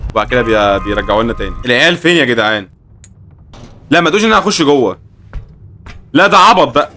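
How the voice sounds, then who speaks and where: Egyptian male let's-player; very fast, jokey, mid-pitched, exclaiming at the game. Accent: Egyptian Arabic. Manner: excitable, exclaiming, joking reactions. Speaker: gaming host. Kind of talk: horror game let's-play commentary.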